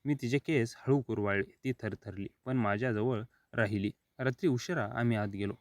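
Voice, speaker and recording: A man reading a first-person story as scripted narration, steady and even. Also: medium pitch, moderate pace, no echo.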